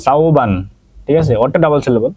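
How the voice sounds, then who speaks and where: Animated and moderately paced, a man with a high-leaning, darkish voice teaches geometry online in a Bangladeshi Bengali accent. He calls on students by name, keeps saying "ঠিক আছে?", and answers his own questions.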